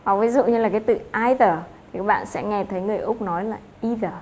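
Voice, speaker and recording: A woman's voice: medium pitch, quick pace, a little mellow, slight background noise. A woman teaching an English lesson, explaining step by step with frequent filler sounds.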